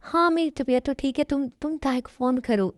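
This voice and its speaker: A woman's voice: sits high, moderate pace, no echo, clean studio sound, lightly acted. A woman voicing an anxious, insistent older father in a fan dub. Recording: music in background.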